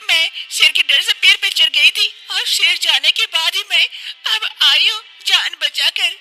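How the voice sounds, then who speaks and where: A performer voicing a timid, fretful young village daughter-in-law in a cartoon, in a high, squeaky, worried voice. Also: female voice, a little slow, sharp tone, heavily acted, low-quality recording. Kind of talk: cartoon voice acting.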